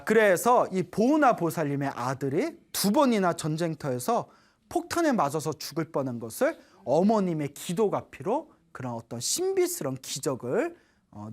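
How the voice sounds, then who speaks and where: Her voice sits low as this Buddhist nun delivers a dharma talk to a studio audience, bringing stories to life and asking her listeners questions.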